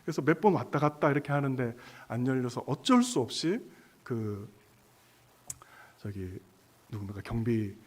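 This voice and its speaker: A man's voice: mid-range voice, very animated, normal speed, pauses often. A male pastor giving a church sermon, telling a personal story in a conversational way with many fillers and speaking directly to the congregation. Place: church sanctuary.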